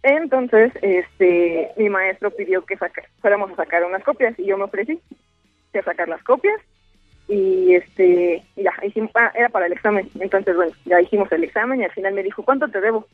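A woman's voice: medium pitch, lively intonation, moderate pace, no room sound. A woman, a student calling in to a radio show, telling a story chattily with many fillers. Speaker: caller, student. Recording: dry, tinny phone line with music behind.

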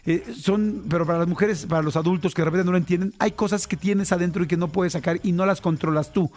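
High-voiced man giving advice. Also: fairly even intonation, quick pace, darkish tone. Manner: conversational, addresses listeners directly with frequent tag questions. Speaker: parenting advice speaker. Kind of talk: casual advice talk.

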